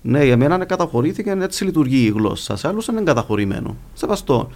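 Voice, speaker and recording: Interviewed as a guest linguist, a Cypriot Greek-accented man explains things conversationally and illustrates his points with examples. His darkish voice sits on the high side and swings widely in pitch.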